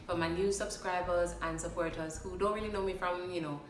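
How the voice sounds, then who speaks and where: In a laid-back introduction vlog, a young Jamaican woman speaks fairly quickly with a lowish voice and fairly even intonation, playful, laughing often and mixing in patois. She's filmed on a phone camera at a short distance in a small room, sounding reverberant and far from the mic over a noisy background.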